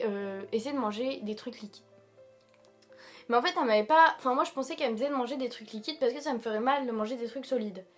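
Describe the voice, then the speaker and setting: A young woman with a French accent from France talks in a fairly high voice. She chats informally to the camera, rambling through her story with emphatic, slangy asides, like a vlogger in a small room. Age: young adult. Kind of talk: casual chat to camera, personal storytelling.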